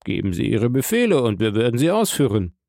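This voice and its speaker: A man voicing a cool, indifferent bandit jailer in an audiobook, calm and mockingly polite. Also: mid-range voice, a little fast, gravelly, dry recording, clean studio sound. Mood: deadpan. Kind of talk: audiobook character voice.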